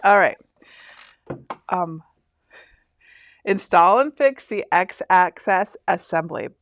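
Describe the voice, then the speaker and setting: On a casual live stream, a fifty-something woman from Michigan reads instructions aloud slowly, rambling, chatting and laughing often as host. Her voice is lowish and expressive, and there's a slight hiss or hum underneath.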